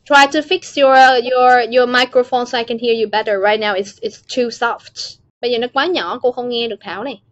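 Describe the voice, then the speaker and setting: A woman's voice: a little high, moderate pace, hardly any pauses, fairly bright tone, dry recording. A woman with a Vietnamese accent teaching an online class, calling on students by name and explaining phrases. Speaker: English teacher. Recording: dull, lo-fi, dry call audio.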